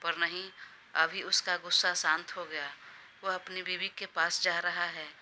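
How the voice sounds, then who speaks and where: A woman narrating a romance audio story in a steady, plain way. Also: lowish voice, a little slow, a little hiss or hum.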